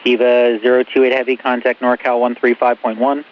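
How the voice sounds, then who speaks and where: Over a muffled radio link with faint hiss, a male tower controller at an airport issues air traffic instructions. His mid-pitched voice is monotone and brisk.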